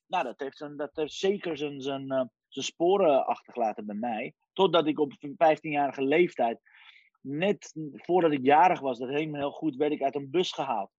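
A man's voice: fairly high pitch, moderate pace, dry recording. Man from Iran telling his story. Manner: lively storyteller, sprinkles in English phrases. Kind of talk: casual personal storytelling. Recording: dry, dull lo-fi sound.

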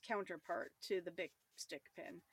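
A woman's voice: lowish voice, steady tone, normal speed, slightly rough, no echo. A woman co-hosting a talk show, chatting in a casual, playful way.

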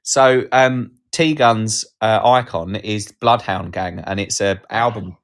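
Man, casual podcast host, rambling and jokey, lowish voice. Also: steady tone, slow pace. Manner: rambling, jokey, reads out chat comments. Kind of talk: casual live podcast chat.

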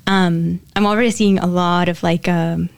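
A young woman guest on a podcast, chatting casually and describing a spiritual channeling, often laughing and dropping to a soft near-whisper. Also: fairly low pitch, steady tone, normal speed, gravelly, smooth, no room sound.

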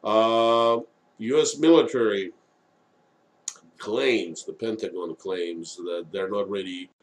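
Male live-stream commentator, lower-pitched and slow, off-the-cuff monologue broken by frequent hesitations. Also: fairly even intonation. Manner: halting, frequent long hesitations and filled pauses. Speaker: live stream host, independent political commentator.

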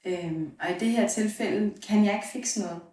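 Mom talking in an interview, hesitant, lots of ums, roomy echo, sounds a bit far from the mic. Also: female voice, mid-range voice, warm tone. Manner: hesitant, with fillers. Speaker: interview guest, a mother. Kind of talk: casual interview talk.

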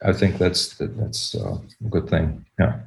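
This is a man with a very low voice who conducts an interview. He works his way through his questions haltingly, repeating words and restarting as he goes. His tone stays casual and conversational. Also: fairly even intonation, creaky.

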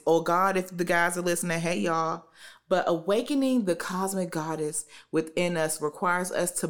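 Sassy, lower-voiced American woman giving pep talks. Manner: sassy, emphatic, repeats phrases for punch. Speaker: spiritual motivational host giving card readings. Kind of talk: informal motivational pep talk.

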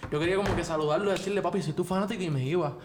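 A man's voice: high-pitched, very fast, background noise. A Puerto Rican man co-hosting a podcast, rambling in casual chat with lots of fillers. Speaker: podcast co-host.

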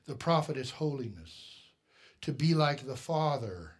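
A middle-aged male pastor preaching a sermon, telling a personal story, shifting from quiet asides to loud, emphatic peaks. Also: medium pitch, big pitch swings, a little slow, husky.

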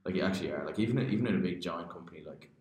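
Young male podcast co-host, deep voice, loose conversational delivery, cave-like echo. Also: expressive, racing, darkish tone. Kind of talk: casual unscripted podcast chat. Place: cave room in a basement. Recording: echoey cave-like room.

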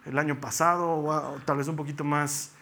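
A man preaching a sermon who tells personal stories earnestly, often slowing down and going soft on the key phrases. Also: on the high side, little pitch movement. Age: adult with young children.

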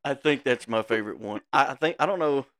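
Co-host, casual, quips and chimes in, mid-pitched voice. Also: male voice, fast talker, a bit bright. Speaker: podcast co-host. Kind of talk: casual chat.

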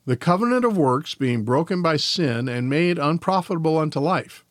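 Man reading scripture lessons aloud, slightly high. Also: lively intonation, normal speed, no room sound, studio quality. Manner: careful reading, now and then trips over words. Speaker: podcast host. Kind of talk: reading devotional and confession aloud.

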